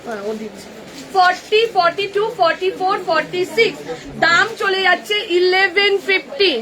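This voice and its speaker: A woman with a Kolkata Bengali accent, selling clothes on a live stream, brisk and chatty as she reels off sizes and prices. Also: extremely high pitch, a crowd in the background, poor audio. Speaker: online kurti seller. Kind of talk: live-stream sales pitch. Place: clothing shop.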